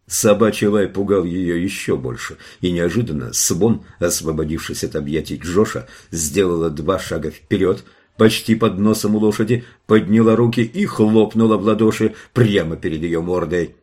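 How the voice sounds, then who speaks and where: A man reading a novel aloud as an audiobook narrator, telling a tense scene in a steady voice. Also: deep voice, moderate pace, slightly rough. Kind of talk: scripted narration.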